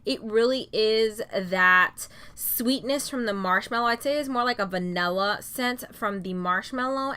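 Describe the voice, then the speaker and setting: A young adult beauty vlogger gives a casual, chatty product review, packing her talk with "like" and "um." Her voice is fairly high, pushed, bright and smooth.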